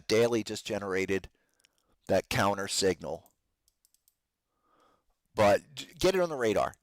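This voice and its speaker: On his trading podcast, a man with a voice on the low side gives casual live stock market commentary, recorded with no room sound. He calls listeners "guys" and leans on informal trader slang, though his voice is strained and keeps giving out.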